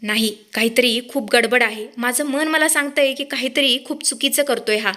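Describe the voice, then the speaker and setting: A woman's voice: on the high side, normal speed. A woman reading a determined middle-aged aunt. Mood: suspicious. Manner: warm to family, sharp when suspicious.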